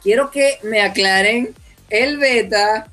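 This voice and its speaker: A man's voice: high voice, takes it slowly, faint music behind. A young man with a Venezuelan accent hosting a casual podcast, telling a long anecdote and acting out the voices of people in it. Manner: animated, mimics voices in anecdotes. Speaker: podcast host. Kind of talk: casual storytelling chat.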